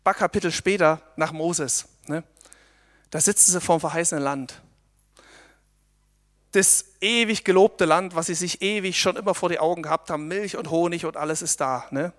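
A man preaching a sermon, swinging from loud emphatic build-ups to quiet, intimate appeals. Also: a little high, a little fast.

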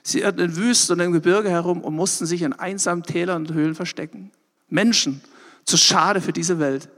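A man preaching a sermon and closing in prayer, earnest and emphatic, with a husky voice. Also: high-pitched, fairly even intonation, a little fast, fairly bright tone. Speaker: pastor. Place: church hall. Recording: long reverb in a church hall.

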